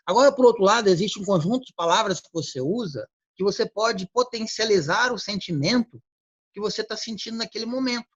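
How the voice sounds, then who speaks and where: A man giving a motivational talk on word choice, acting out quick everyday exchanges. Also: high-pitched, animated, slightly rough, no echo. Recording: dull lo-fi recording.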